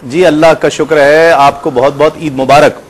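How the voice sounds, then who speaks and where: A man's voice: on the high side, steady tone, normal speed, a little hiss or hum. Playful male TV host. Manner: playful, laughs often. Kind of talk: casual studio chat.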